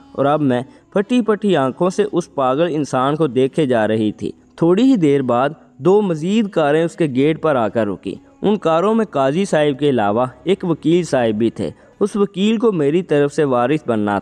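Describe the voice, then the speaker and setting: A man reading a dramatic story aloud, his voice fairly high and rising and falling with feeling. A long reverb trails his words, and soft music plays faintly underneath. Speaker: narrator. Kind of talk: storytelling narration.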